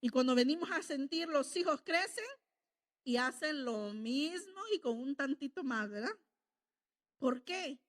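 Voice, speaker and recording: High-voiced woman preaching a sermon. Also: expressive, measured pace. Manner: conversational, asks the congregation "¿verdad?".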